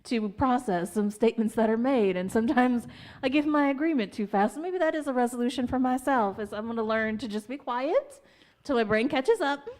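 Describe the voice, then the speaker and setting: A woman's voice: on the high side, expressive, a little fast, a little mellow. A woman in her forties co-hosting a podcast, chatting casually and laughing often. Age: 40s. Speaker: podcast co-host. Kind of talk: casual chat.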